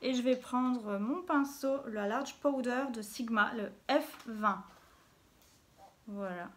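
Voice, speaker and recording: A woman's voice: on the high side, slow, a bit bright. A woman talking casually through her makeup routine as a beauty vlogger, chatty and dropping little interjections as she works. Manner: chatty, fills gaps with little interjections while working. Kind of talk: casual makeup tutorial talk. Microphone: phone camera.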